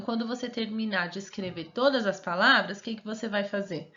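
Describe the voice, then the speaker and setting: A woman's voice: fairly high pitch, pushed and bright, muffled recording. A woman teacher with a Brazilian Portuguese accent giving a remote lesson to young children, stretching out each word and asking coaxing questions. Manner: slow, syllable-stretched reading of words, coaxing questions.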